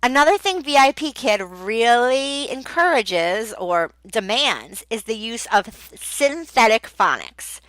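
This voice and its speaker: A woman shares advice for online English teaching in a casual, emphatic way, often repeating key words. Her voice is bright and fairly high, and she speaks slowly and deliberately. The recording is dry, with little room sound. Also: big pitch swings, no echo, rough recording.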